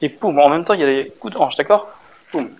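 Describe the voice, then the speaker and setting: An upbeat male dance teacher walks his viewers through a routine step by step. He keeps checking in with quick little questions and counts the beats aloud. The recording sounds slightly dull, with a faint hum of room noise behind him. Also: a little high. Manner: encouraging, checks in often with short questions. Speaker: dance instructor. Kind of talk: casual dance tutorial.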